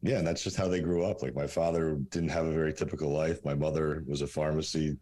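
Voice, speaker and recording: Speaking fast in a very deep, mellow voice with flat delivery, the guest coach rambles through the candid podcast chat. He is a man in his forties from Russia, Russian his native tongue, blunt and profane and full of fillers.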